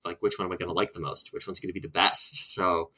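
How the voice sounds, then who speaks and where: Bright-voiced rambling guest. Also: male voice, low-pitched, flat delivery, fast talker. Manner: rambling, friendly, filler-heavy. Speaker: podcast guest. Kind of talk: casual podcast chat.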